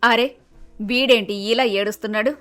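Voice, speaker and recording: A woman's voice: a little high, steady tone, moderate pace, no room sound, close to an everyday voice. Woman voicing a blunt nagging cartoon mother. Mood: scolding. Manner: scolding, teasing, matter-of-fact. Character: nagging middle-aged mother, fussy and blunt. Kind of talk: animated storybook dialogue. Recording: dry close voice, soft music.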